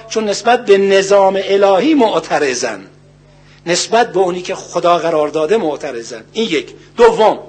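An older man giving a religious sermon, earnest and full of rhetorical questions, slowly reciting Arabic verses. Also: high voice, slightly rough. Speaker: cleric.

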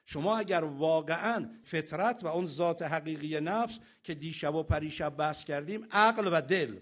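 A man preaching a sermon, asking rhetorical questions and drawing out scripture slowly. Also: a little high, a bit bright.

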